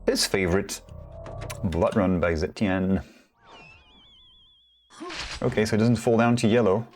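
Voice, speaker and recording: A man's voice: lowish voice, a little slow, a little mellow, faint music behind. A man giving casual solo commentary on a competitive video game match, rambling with self-deprecating asides.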